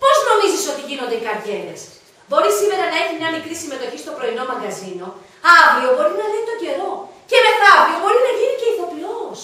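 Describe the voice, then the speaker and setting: Woman playing a shrill bossy wife on stage. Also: sing-song, bright, forceful tone, exaggerated voice. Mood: scheming. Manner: shrill and bossy, scolding her husband. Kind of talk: stage comedy acting. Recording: echoey stage from far off.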